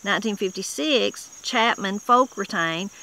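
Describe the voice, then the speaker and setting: Reading dictionary entries in a wooded yard, a middle-aged channel host with a Southern Appalachian accent casually explains old mountain words, homespun and plain-spoken, restarting often. Her mid-range voice is a little slow, bright and forceful.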